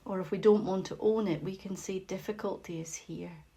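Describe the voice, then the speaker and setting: Soft and unhurried, a woman guides listeners through meditation, pausing at length and letting her voice turn breathy as phrases trail off. She speaks at medium pitch with fairly even intonation.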